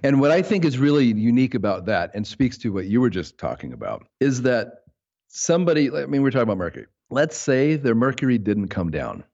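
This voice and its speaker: A man's voice: medium pitch, big pitch swings, brisk, vocal fry, darkish tone, muffled recording. An American man hosting a podcast, a clinician talking casually and enthusiastically with his guest. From United States. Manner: enthusiastic, affirming.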